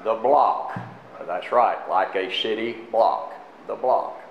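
An older man speaking as a pastor in a church, halting and full of fillers and restarts. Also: on the low side, vocal fry, slight background noise. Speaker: pastor introducing a guest teacher. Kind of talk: unscripted church announcements and sermon. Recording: echoey, muffled live church stream.

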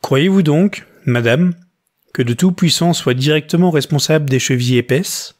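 A man voicing a young male secretary who is jovial but measured. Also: fairly high pitch, darkish tone, lightly acted. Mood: joking. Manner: cheerful, measured.

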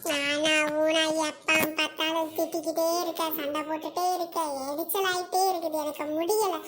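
A woman voicing a quarrelsome old husband in a comedy skit, scolding loudly. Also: very high-pitched, little pitch movement, moderate pace, noisy background. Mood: angry. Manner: scolding, shouting. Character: grumpy old husband, quarrelsome then sorry.

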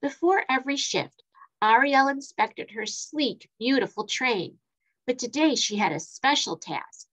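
A woman reading a children's story aloud, expressive and playing with sound effects. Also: high voice, a little slow, poor audio.

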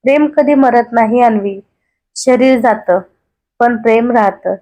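A woman voicing a gentle, gravely ill young man. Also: on the high side, natural voice. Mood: tender. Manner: soft, slow and tender.

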